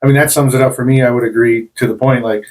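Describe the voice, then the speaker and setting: A calm man from rural Wisconsin chats on a friends' podcast in an average-pitched voice. He agrees easily and teases the others. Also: fast talker, low-quality recording. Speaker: podcast co-host. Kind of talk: casual chat.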